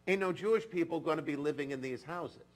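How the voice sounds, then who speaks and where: A man voicing a gruff, plainspoken Southern church foreman in an attempted Southern US accent. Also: a little high, fairly quick, pitched above the performer's own voice, lightly acted. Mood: blunt.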